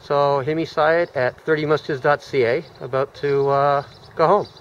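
A man in his forties recording a relaxed, reflective selfie vlog on a phone held at arm's length, indoors in a large community gym and later outside. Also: a little high, moderate pace, highs cut off, a little hiss or hum. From Canada. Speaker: vlogger. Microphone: phone camera at arm's length.

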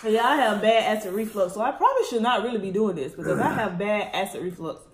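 A woman's voice: mid-range voice, expressive, fast talker. A woman in her thirties chatting casually while eating, her mouth and chest burning from spicy food. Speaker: spicy food challenge participant. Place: small room at home, indoors. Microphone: camera across the table. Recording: echoey room, noticeable background noise.

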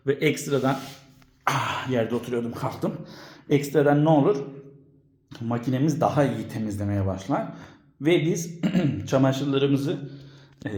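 A man giving a casual, halting step-by-step household demonstration in speech, his voice ringing with echo in a bare room at home. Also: mid-range voice, darkish tone. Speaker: home appliance vlogger. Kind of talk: casual explainer to camera. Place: indoors at home, room without carpets.

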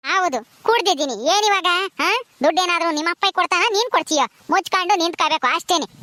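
A woman's voice: very high-pitched, fast. Woman doing a drunk bossy mother-in-law. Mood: ranting. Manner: shouting, taunting, slurred bluster. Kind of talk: village comedy skit.

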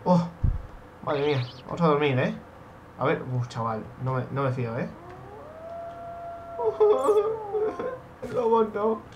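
A young man from Spain with a Spanish accent, giving excitable Minecraft let's play commentary, swearing and shouting when startled. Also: mid-range voice, normal speed, muffled recording, noisy background. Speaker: gaming youtuber.

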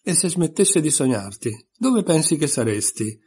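A man's voice: a little high, sing-song, normal speed, darkish tone, husky, voice pushed up. A man reading aloud and voicing a smug, contrary little twin who talks in a teasing, scornful way.

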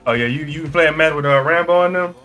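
A man with a bright, cutting voice talks over a competitive match. He fires off quick callouts and playful trash talk at his teammates. Faint game music runs underneath. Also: on the high side. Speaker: streamer playing a competitive team shooter. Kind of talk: casual gaming chat with teammates.

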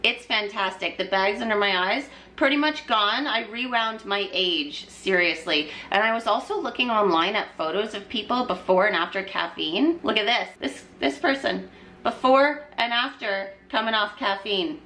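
A woman's voice: medium pitch, moderate pace, pushed and bright, slight background noise. A woman who works in nutrition, chatting casually and upbeat to her vlog audience. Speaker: nutrition vlogger.

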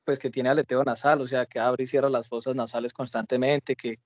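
A man's voice: medium pitch, level tone, fairly quick. A young man, answering his teacher in an online class and explaining carefully with many restarts. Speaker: medical student. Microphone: computer mic on a video call.

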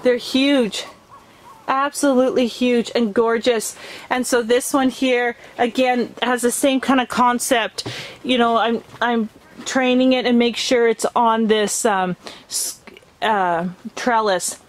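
Woman, enthusiastic, chatty, outdoors, handheld camera, fairly high voice. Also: slow pace. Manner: enthusiastic, chatty, gets excited about plants. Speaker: gardening vlogger. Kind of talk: casual garden tour. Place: outdoors, greenhouse and yard.

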